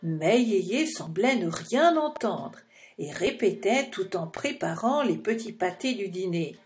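A woman's voice: mid-range voice, animated, unhurried, a little mellow, soft background music. A woman narrating a children's storybook expressively and speaking directly to the young listener.

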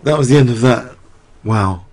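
In a live chess broadcast, a middle-aged commentator breaks down each move and poses questions to the audience at a moderate pace. His tone is darkish and medium in pitch, and it's becoming croaky.

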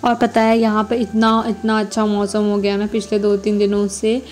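A woman's voice: medium pitch, completely flat delivery, normal speed, darkish tone, soft background music. A young adult woman narrating her study day in a casual, rambling way, often correcting herself. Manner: chatty, rambling, self-correcting. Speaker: vlogger, exam student.

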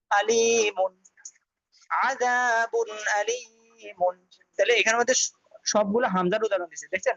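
A man's voice: high-pitched, gravelly, a bit bright, no room sound, highs cut off. A man teaching Quran recitation rules, spelling words out syllable by syllable and then joining them, in a patient lesson style. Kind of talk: slow syllable-by-syllable tajweed lesson.

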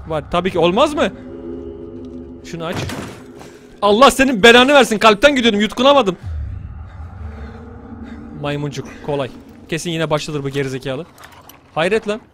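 High-voiced man muttering through a horror game. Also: slight background noise. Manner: mutters to himself and curses at the game. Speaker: gamer. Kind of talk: horror game let's play commentary.

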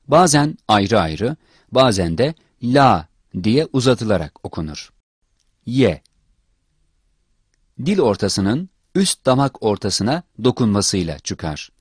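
A man teaching the articulation of letters in a slow, measured, scripted narration. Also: mid-range voice, breathy edge, no room sound, studio quality. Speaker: Quran recitation teacher.

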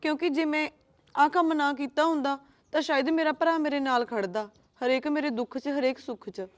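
A woman plays a loyal young wife with a Punjabi accent, quiet and earnest, wounded by her in-laws' taunts. Her voice sits high. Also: a little fast, lightly acted. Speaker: young wife who eloped. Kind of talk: Punjabi short-film acting.

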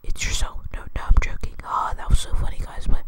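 A man's voice: a little fast, a bit bright. A young man hosting his channel in a hesitant whispered role-play, rambling and jokey, with many fillers and restarts. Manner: jokey, crude. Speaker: channel host. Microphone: close mic.

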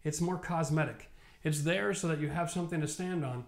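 A man from Canada in his forties explains home renovation at a studio whiteboard, talking through a lapel mic. His voice sits a little high for a man, and he talks in an emphatic, animated way that builds into passionate rants. He sounds tired. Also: fairly quick, gravelly. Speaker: renovation expert host. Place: studio set with whiteboard, indoors.

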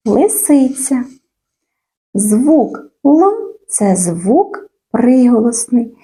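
A woman teaching young children a phonics lesson, stretching out sounds and words in a slow, sing-song way. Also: mid-range voice, warm tone, breathy edge.

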